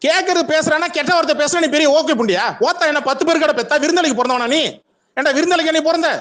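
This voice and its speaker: A man's voice: extremely high pitch, fast talker, a bit bright. A man hosting a heated argument in a live online audio room over a phone mic, aggressive, taunting and profane.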